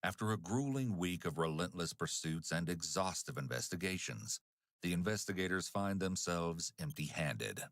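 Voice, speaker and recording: Deep-voiced man narrating true crime. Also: animated, a bit bright, no room sound, studio quality. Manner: measured, dramatic delivery. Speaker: documentary narrator.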